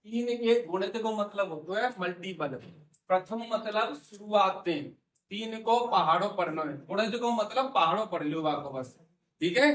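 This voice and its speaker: With lively intonation and a measured pace, a man leads a classroom maths lesson, drawing students out with questions and repeating their replies. The mic sits well away from him, so his high, fairly bright voice carries an echoey room sound.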